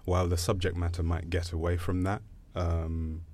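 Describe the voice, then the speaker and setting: A poet from Zambia speaking thoughtfully in a panel conversation, pausing often. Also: male voice, sits low, level tone, a little mellow. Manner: thoughtful, hesitant, many pauses.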